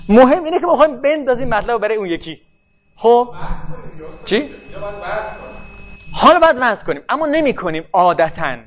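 A man with a high voice gives a classroom lecture in a loose, conversational way, often stopping to ask if his students follow. The recording sounds dull and lo-fi. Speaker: teacher.

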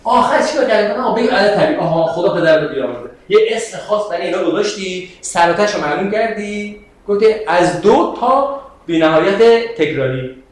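Animated man lecturing in an echoey room. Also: high-pitched. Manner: animated, rhetorical, asks the class questions. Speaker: philosophy teacher. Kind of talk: classroom lecture.

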